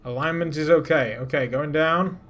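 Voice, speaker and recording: A streamer pilots a ship in a space game while chatting live to his viewers in a casual, self-deprecating way. His voice is a little high and a bit bright, at a normal speed.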